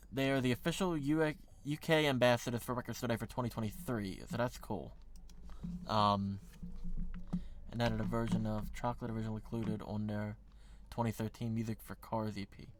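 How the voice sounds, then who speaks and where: A man with an American accent talking casually on a livestream, rambling with lots of fillers and correcting himself as he goes. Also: mid-range voice. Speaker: streamer.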